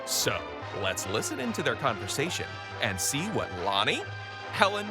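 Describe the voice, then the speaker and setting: A man's voice: medium pitch, wildly swooping pitch, normal speed, loud music behind the voice. A man voicing an upbeat 1950s radio announcer with a showy delivery, in 1950s radio acting.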